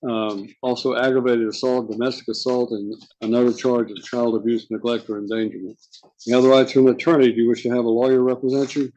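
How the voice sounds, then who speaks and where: A man speaking as a judge in formal court proceedings, measured and procedural, with occasional hesitation. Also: medium pitch, little pitch movement, warm tone, lo-fi sound. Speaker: judge presiding over a court docket. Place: indoor courtroom.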